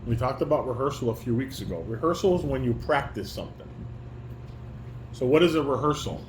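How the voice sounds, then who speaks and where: A father leads a family table read, speaking to a child in an animated, mid-range voice that runs a little fast. He gives instructions, asks questions and corrects in a firm manner, in an echoey room with background noise.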